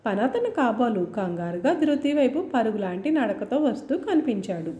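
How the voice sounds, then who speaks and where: A woman narrating a story with an expressive reading. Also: on the high side, moderate pace, roomy sound.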